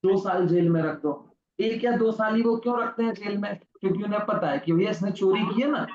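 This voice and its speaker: A man's voice: sits high, brisk, a little mellow, roomy sound, muffled recording. A man teaching a religious lesson to children, telling a story and asking questions he answers himself. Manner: asks the class questions and answers them himself. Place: online class recording.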